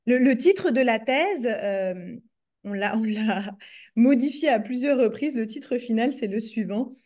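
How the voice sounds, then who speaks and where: This woman from France, French-accented, gives an academic presentation of her doctoral research to a group via video call. Her voice is a little high and a little mellow, unhurried, with lively intonation, though she frequently hesitates, using fillers and restarting.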